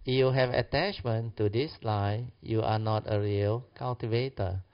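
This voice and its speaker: A man teaches informally in colloquial Malaysian-accented English, full of clipped slang phrases and particles. His voice is on the low side and his pace is very unhurried. The recording sounds somewhat dull and lo-fi. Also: clean tone. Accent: Malaysian or Singaporean English. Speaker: Buddhist teacher. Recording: muffled, dull lo-fi audio.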